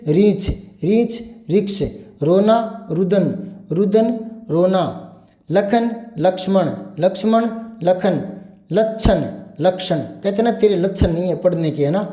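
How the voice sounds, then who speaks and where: A male Hindi teacher leading a vocabulary lesson, reciting word pairs over and over in a steady, rhythmic drill. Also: sits high, slow pace, reverberant.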